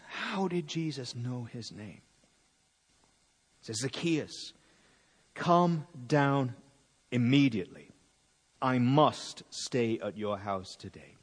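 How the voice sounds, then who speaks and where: Preacher in a reverberant church. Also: male voice, mid-range voice, breathy edge. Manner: animated storytelling, acting out crowd voices. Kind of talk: sermon. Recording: long hall reverb.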